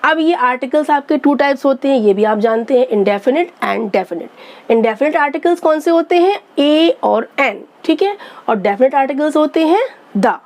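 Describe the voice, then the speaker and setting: High-voiced woman teaching grammar. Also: expressive, normal speed, a little mellow. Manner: patient, repeats points, asks and answers own questions. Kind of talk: explanatory lesson.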